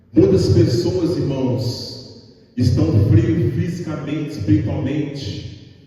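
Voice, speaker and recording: This Brazilian Portuguese-accented preacher has a fairly high but dark-toned voice. He delivers his fervent, repetitive evangelical sermon in a church hall, repeatedly calling out to the congregation, captured by a distant mic amid heavy echo.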